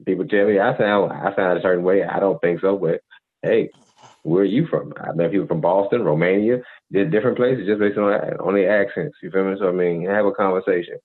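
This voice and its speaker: Deep-voiced man lecturing over a tinny line. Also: fairly even intonation, fairly quick, husky. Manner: preachy, repeats "you feel me". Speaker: podcast co-host. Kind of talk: casual advice monologue. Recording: tinny phone-like audio.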